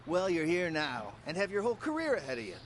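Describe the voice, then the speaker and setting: A man's voice: a little high, huge pitch swings, fast talker, a little hiss or hum. An actor playing a friendly, older male cameraman who patiently explains things to a newcomer in video game dialogue. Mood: advising. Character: friendly veteran male cameraman, helpful mentor.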